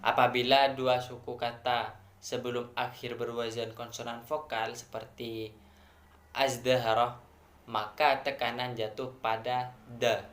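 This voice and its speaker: Indonesian-accented male student presenter, measured and methodical, filler-heavy delivery, echoey room sound. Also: medium pitch, little pitch movement, fairly bright tone. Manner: measured, explains step by step with many fillers. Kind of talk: academic presentation.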